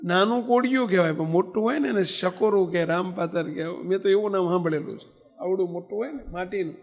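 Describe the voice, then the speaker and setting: A man's voice: sits high, brisk, creaky, big-room sound. A man giving a sermon as a swami, telling stories and often putting questions to the audience. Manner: asks the audience frequent questions. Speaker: swami preacher. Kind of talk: sermon with storytelling.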